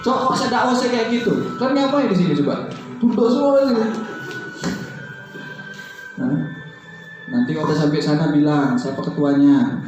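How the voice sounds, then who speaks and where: A man preaching to a training group, keeping it lively with questions he answers himself and short acted dialogues. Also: sits high, moderate pace, long pauses. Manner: lively, fires questions at the audience and answers them; acts out little dialogues in other voices. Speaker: Islamic preacher. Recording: dull, echoey hall with faint music.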